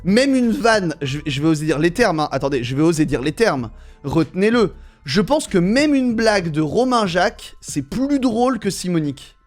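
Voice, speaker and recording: A man's voice: high voice, very animated, normal speed, faint music behind. A man with a French accent, streaming live, mocking and bluntly judging his chat in casual, crude talk.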